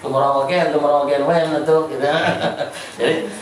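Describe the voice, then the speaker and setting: A man's voice: a little high, flat delivery. Sundanese-accented man teaching in echoey room. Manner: repeats words, halting, chatty. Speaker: informal English teacher. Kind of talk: casual classroom teaching. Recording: echoey room, distant mic, faint noise.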